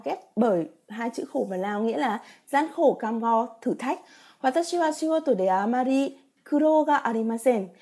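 A woman's voice: a little high, mellow, breathy edge. A woman teaching a vocabulary lesson, reading example sentences and patiently explaining each with rhetorical check questions. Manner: reads example sentences then explains them. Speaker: Japanese teacher.

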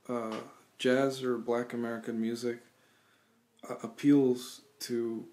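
A man in his thirties, born in Cuba, answering interview questions thoughtfully over a video call from a small room at home, with frequent pauses and restarts. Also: mid-range voice, dark tone. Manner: thoughtful, halting, many restarts and fillers. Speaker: guest musician. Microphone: webcam on video call.

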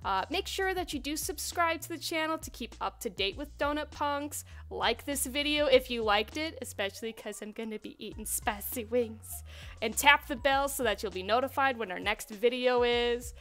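High-voiced woman hosting a chatty livestream. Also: lively intonation, normal speed, pushed and bright. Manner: chatty, upbeat, laughs often, reads chat aloud while eating. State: mouth burning from spicy wings. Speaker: livestream host for a game studio. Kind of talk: casual livestream chat.

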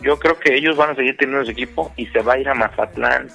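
A man's voice: mid-range voice, fast, creaky, bright, forceful tone, breathy edge, faint music behind. A man with a Mexican accent, a panelist in a heated baseball debate, pushing the others with teasing yes-or-no questions. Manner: pushy, teasing, demands yes-or-no answers.

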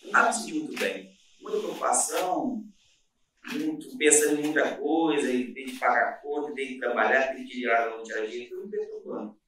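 A man's voice: medium pitch, a little fast, fairly bright tone, slight background noise. A man with a Brazilian Portuguese accent, a business owner telling his story in a casual interview, earnest and rambling with many restarts. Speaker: guest, restaurant and bakery owner. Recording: echoey room, mic at a distance.

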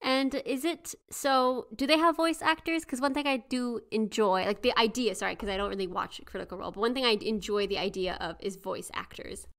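A woman with a New Zealand accent co-hosting a podcast, chatting in a relaxed way and asking questions. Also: a little high, a little fast, hardly any pauses. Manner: relaxed, curious, asks questions. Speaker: podcast co-host. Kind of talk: casual chat.

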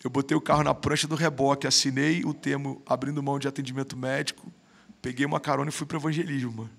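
His voice is mid-range, gravelly and a bit bright, delivered flat and fast. A man in his thirties with a Brazilian Portuguese accent, he's a podcast guest telling stories in a laid-back chat. His speech is emphatic and full of slang, with frequent "mano."

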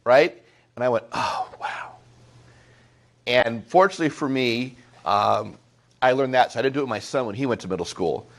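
A middle-aged man giving a talk to a small group of parents, telling a story in an animated way with frequent asides to the room. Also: medium pitch, brisk. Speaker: school presenter speaking to parents.

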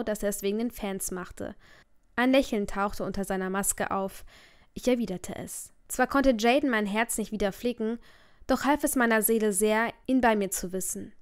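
A woman's voice: on the high side, smooth. A woman narrating a first-person audiobook in an emotive storytelling manner.

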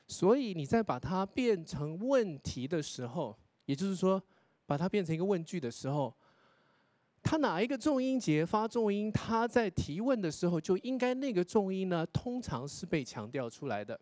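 Male lecturer, contest judge; high, very expressive voice; patient, explanatory critique. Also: moderate pace, dry recording. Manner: explanatory, demonstrates English pronunciation, tags sentences with 哈.

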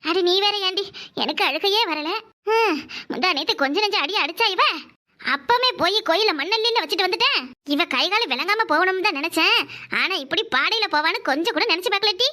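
A very high, piercing cartoon voice with a bright, sharp edge. a sly village schemer who fakes loud wailing and gossips between sobs. The delivery is exaggerated cartoon acting. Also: female voice, animated, brisk, heavily acted. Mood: sly, mock grieving. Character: scheming village woman, mock-grieving in-law.

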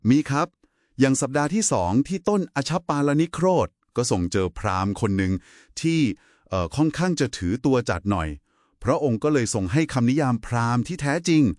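This man's mid-range voice has a darkish tone and sounds very animated as he briskly and politely explains Buddhist scripture to a conversation partner. There's no echo, and the sound is studio quality.

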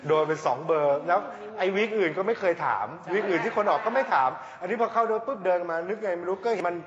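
Male vocal coach, teasing banter, bit high, echoey hall, crowd behind. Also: fast. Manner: teasing, laughs often, slips into coarse slang. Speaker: singing coach on a reality show. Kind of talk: casual studio chat. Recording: roomy hall with audience, dull sound.

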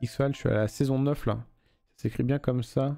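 A man's voice: medium pitch, fairly even intonation, a little fast, vocal fry, dark tone, faint music behind. A young man streaming a game live, reading the story aloud and chatting loosely with viewers, swearing freely.

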